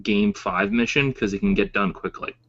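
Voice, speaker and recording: Low-voiced man, dry and matter-of-fact. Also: normal speed. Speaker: co-host. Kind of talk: casual chat about tabletop wargaming. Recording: dull lo-fi recording.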